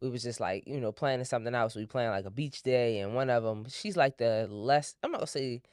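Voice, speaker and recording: A woman's voice: very deep voice, fairly quick, a little mellow, no room sound, studio quality. A woman in her thirties hosting a podcast, telling stories in a laid-back, slangy way. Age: 30s. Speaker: podcast host. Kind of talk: casual chat.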